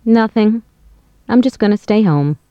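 A woman voicing a mellow young woman in a course dialogue. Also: on the high side, big pitch swings, normal speed, no room sound, lo-fi sound. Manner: clear, careful everyday speech. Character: young woman chatting about bills with her roommate. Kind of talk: scripted dialogue for a language course.

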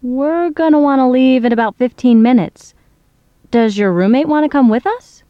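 A young woman friend in a recorded language-course dialogue, played by a woman, speaking clearly and in a friendly way. Her voice is somewhat high. The recording is dry and a bit dull. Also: moderate pace, dry recording, natural voice.

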